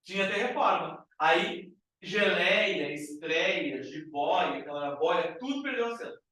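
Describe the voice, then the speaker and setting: A man with a Brazilian Portuguese accent teaching a classroom grammar lesson, lively and often checking in with rhetorical questions. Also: sits high, unhurried. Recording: very echoey room from far off.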